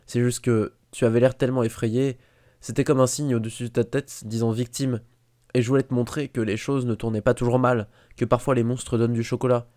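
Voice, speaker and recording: A man's voice: medium pitch, little pitch movement, a little fast, dark tone, lightly acted. A man reading as an earnest young boy wizard. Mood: remorseful. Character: eleven-year-old boy wizard, clever, intense.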